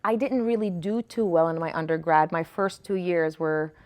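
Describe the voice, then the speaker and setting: A woman from Kuwait, a native Arabic speaker, talks as a studio interview guest. Her voice sits a little low, and she tells her story in a halting way, full of pauses and restarts. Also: fairly even intonation, darkish tone. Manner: hesitant, restarts and fillers while recounting. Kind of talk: casual interview. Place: local TV studio.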